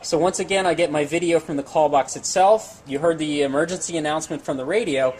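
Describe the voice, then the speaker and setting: Inside an equipment lab or demo room, a man in his forties delivers a quick, informal walkthrough of a technical product in everyday language. His voice is a little high and he speaks fast, with audible room noise in the background.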